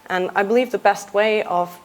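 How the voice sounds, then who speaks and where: A young adult Austrian woman, a software engineer, gives a conference talk from the stage at a moderate pace in a medium-pitched voice. She's casual and lightly joking, with frequent uhs.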